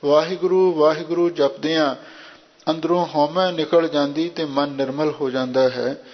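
A man preaching in a fairly high voice who draws out sacred verses in a slow, half-sung chant, then explains them in plain speech. He repeats the holy name over and over. The recording is dull and lo-fi. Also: fairly even intonation. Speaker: Sikh preacher expounding scripture. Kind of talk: sermon explaining hymns line by line.

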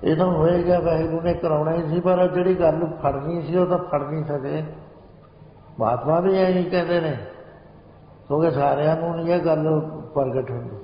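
A man giving a spiritual sermon, slipping into slow sung lines as he explains. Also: a little high, steady tone. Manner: slow chanting of sacred lines within speech. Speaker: Sikh preacher. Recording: echoey hall, muffled lo-fi sound.

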